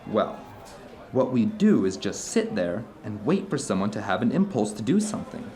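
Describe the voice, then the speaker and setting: A man plays an earnest, animated theater director in a conversational audio drama, recounting his travels to an old friend in a storytelling, discursive way, eager to explain. His voice is on the low side and darkish, very animated, at a normal speed, with faint music behind him.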